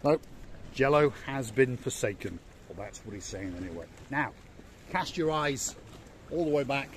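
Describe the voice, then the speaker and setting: Slight background noise accompanies a man in his fifties whose medium-pitched voice is animated and moderately paced. He's filming a walking travel vlog outdoors at a seaside harbour with a phone at arm's length, chatting enthusiastically to camera.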